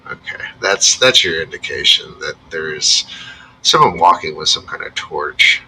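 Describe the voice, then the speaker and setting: Low, very bright-voiced male game master. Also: expressive, measured pace, a little hiss or hum, low-quality recording. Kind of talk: casual tabletop game narration.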